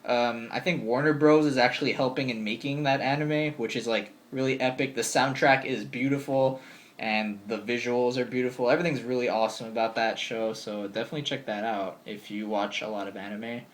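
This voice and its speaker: Sitting in a bedroom lined with game shelves, a man of twenty fields viewer questions for a relaxed vlog. His voice is medium-pitched, steady, and brisk, and his upbeat chatter is packed with ums and likes.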